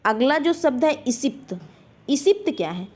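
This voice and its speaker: A woman teaching a grammar lesson for exam preparation. She asks a question, then answers it herself, and repeats key words slowly. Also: high voice, very animated, darkish tone.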